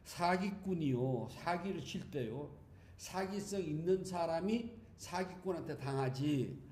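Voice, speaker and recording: A male monk delivers a relaxed dharma talk in a warm, slightly higher-than-usual voice. He is chatty and joking and speaks straight to the congregation. The sound rings around a roomy temple hall over a faint hiss. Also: a little slow. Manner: chatty and humorous, speaking to listeners directly. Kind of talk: conversational sermon. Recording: echoey hall with faint background noise.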